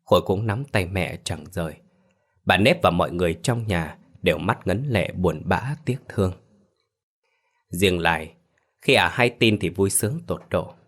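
A man narrating a scripted ghost story in a steady, even reading voice. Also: low-pitched.

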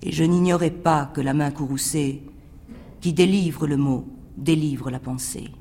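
A man recites verse in a theatrical, declamatory manner, his fairly high voice dropping to hushed whispers and rising to ringing cries. His voice trails off into a long reverberant hall tail. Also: steady tone, a little slow.

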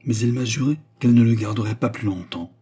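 A man voicing a noble count and gallant seducer who speaks softly, earnestly and courteously in an audiobook. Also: mid-range voice, fast, breathy edge. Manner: soft, earnest, courtly speech. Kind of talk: audiobook character reading.

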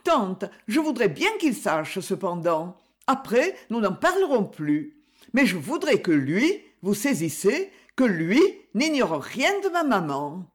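A woman voicing a fragile, nervous young society woman who is bright, eager and easily startled, in an audiobook reading. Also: mid-range voice, sing-song, slow pace, breathy edge, heavily acted. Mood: pleading.

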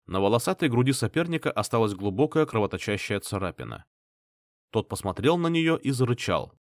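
A man narrating a first-person audiobook in a lively, expressive way. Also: medium pitch, fairly quick, no room sound, studio quality.

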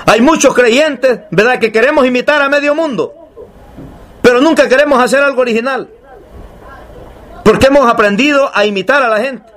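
A man preaching a sermon, emphatic and repetitive, asking rhetorical questions and slowing down to read scripture aloud. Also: very high voice, a bit bright.

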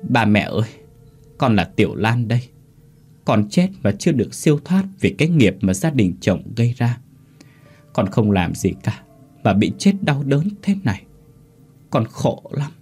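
A man's voice: lowish voice, sing-song, moderate pace, pauses often, darkish tone, slightly rough, faint music behind, heavily acted. A man voicing the weeping ghost of a murdered young mother, sobbing and pleading through a possessed girl.

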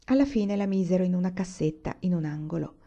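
Woman reading a story, mellow. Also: fairly low pitch, fairly quick. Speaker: reader. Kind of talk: storybook read-aloud. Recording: muffled lo-fi recording.

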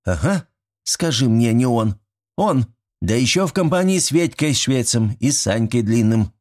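A man voicing a strict, brisk young village medic woman who scolds in a stern way. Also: mid-range voice, expressive, a little mellow, slightly rough, voice pushed up.

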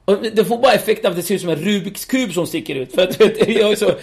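A middle-aged man telling a story as a podcast guest, animated, acting out other people's voices and laughing often. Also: sits high, vocal fry.

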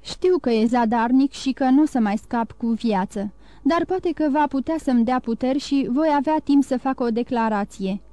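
A woman's voice: sits high, mellow, no echo, natural voice. A woman voicing a dying, wounded male ex-convict who pleads and gasps for help, in an audiobook reading. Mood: pleading. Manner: pleading, gasping cries for help.

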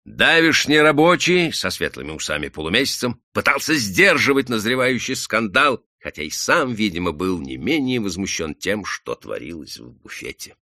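A man narrating an audiobook with an expressive, dramatic reading. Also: fairly low pitch, moderate pace, hardly any pauses, no room sound, studio quality.

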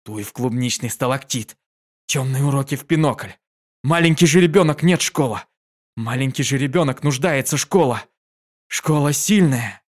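A man voicing a confused pegasus mare mother who shouts jumbled words, in an audiobook reading. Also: medium pitch, normal speed, close to an everyday voice. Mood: angry.

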